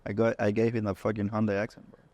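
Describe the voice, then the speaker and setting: A man's voice: fairly low pitch, quick pace, no room sound. A man from Honduras co-hosting a car podcast, telling stories casually, with curse words and frequent restarts. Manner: relaxed storytelling with swearing and restarts. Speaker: podcast co-host. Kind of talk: casual chat.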